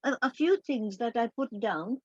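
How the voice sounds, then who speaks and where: An older woman, a guest academic in a roundtable discussion, speaking in a measured, thoughtful way with frequent pauses. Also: a little high, animated, a little mellow, muffled recording, slight background noise.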